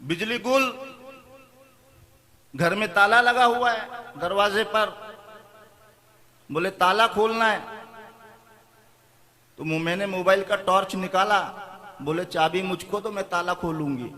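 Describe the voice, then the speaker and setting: A middle-aged man, a comic poet, telling funny stories on stage with quick switches into quoted voices. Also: high voice, bright, forceful tone. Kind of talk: stand-up storytelling.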